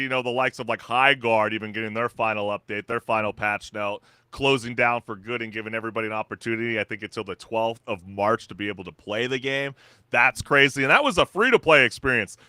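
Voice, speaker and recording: A man's voice: medium pitch, a little fast, sharp tone, smooth, no room sound, studio quality. A man co-hosting a gaming podcast, running through game news in an upbeat, salesy way with lots of fillers. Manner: hyped, salesy delivery with many fillers. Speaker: podcast co-host.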